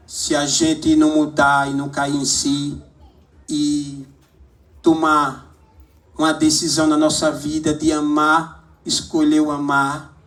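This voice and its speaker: High-voiced exhorting preacher man. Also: a bit bright. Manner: exhorting, asking the congregation for amens. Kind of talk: sermon. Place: church service hall.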